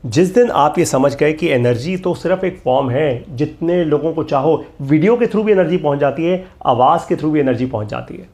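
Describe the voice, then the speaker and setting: Man, middle-aged, motivational course instructor, emphatic, repeats himself, fairly high voice. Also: expressive, moderate pace, few pauses, a little mellow. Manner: emphatic, repeats key lines, mixes English phrases. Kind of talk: energetic motivational talk.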